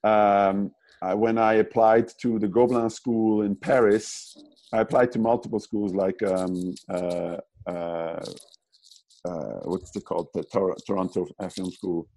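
A man's voice: on the low side, fairly even intonation, unhurried, warm tone, rough recording. A man from German-speaking Switzerland, an animator guest in a casual interview, who talks in a rambling way with many restarts and fillers.

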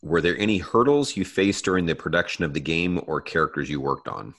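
A man's voice: sits low, brisk, fairly bright tone. A man hosting a casual podcast interview who asks questions and laughs along encouragingly. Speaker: podcast host.

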